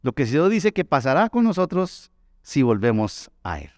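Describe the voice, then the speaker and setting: Pastor man preaching hard, voice a bit high, jumps all over, dry close sound. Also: sing-song, moderate pace, no room sound. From Colombia. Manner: impassioned, swings between loud pleading and soft low tones. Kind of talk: sermon.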